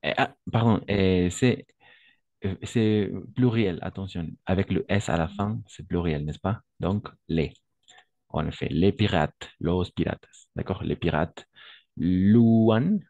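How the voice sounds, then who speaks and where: Deep slow-talking male French teacher. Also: gravelly, warm tone, dry recording, muffled recording. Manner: slow, patient, repeats words for pronunciation drills. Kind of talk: online language lesson.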